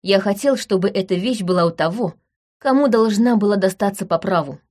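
A woman's voice: medium pitch, a little fast, darkish tone, lightly acted. A woman reading an audiobook voices an agitated, stubborn young man close to tears. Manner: heated, stubborn, near tears.

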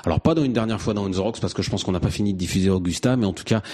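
A man's voice: fairly low pitch, racing, a little mellow, breathy edge. A man hosting a radio show, introducing an interview in a loose, self-correcting way. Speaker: radio host.

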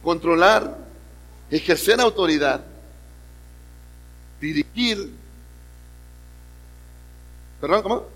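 A man's voice: high voice, animated, slow pace, fairly bright tone. A man with a Mexican accent preaching a sermon to a congregation, asking them questions and acting out voices. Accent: Mexican Spanish. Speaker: pastor. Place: church service hall. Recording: long reverb of a hall.

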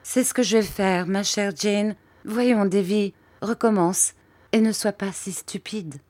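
A woman reading an audiobook aloud, voicing a timid young mother who speaks softly and meekly. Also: mid-range voice, fairly even intonation, measured pace, no echo, voice pushed up, lightly acted. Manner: soft, meek, pleading.

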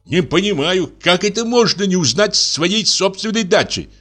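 A man's voice: sits high, animated, normal speed, sharp tone, voice pushed up, exaggerated voice. A man reading aloud and voicing an indignant, exhausted guest who grumbles about his host. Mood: indignant, weary. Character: weary, thirsty male guest, grumbling and indignant.

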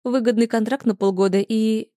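An audiobook narrator voicing an eager, pleading young woman in a romance story, with quick, breathless lines. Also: mid-range voice, fairly even intonation, mellow, no room sound, studio quality, voice pushed up, lightly acted.

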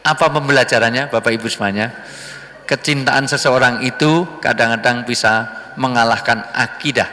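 A man's voice: mid-range voice, bright, forceful tone. A man preaching a sermon, telling stories and addressing his audience directly. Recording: echoey hall.

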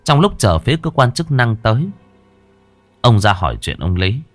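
A man narrating a horror story in a measured, expressive way. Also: medium pitch, no room sound, soft background music.

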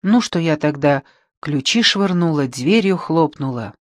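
A man reading the part of an anxious young woman who speaks in a soft, pleading way. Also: fairly high pitch, lively intonation, measured pace, no room sound.

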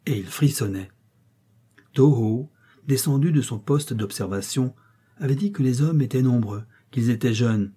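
A man with a husky voice narrating a classic adventure novel in a measured, dramatic way. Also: mid-range voice, dark tone. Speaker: audiobook narrator.

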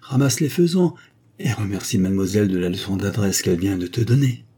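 Hearty loud old baron, read by a man. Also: lowish voice, expressive, fairly quick, slightly rough. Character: jovial hot-tempered older male baron hunter.

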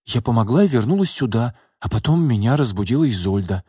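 A man's voice: animated, brisk, dark tone, husky, no room sound, clean studio sound. A man voicing a young female maid who pleads tearfully and protests her innocence, in a read-aloud audiobook. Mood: pleading, tearful. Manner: shrill, pleading.

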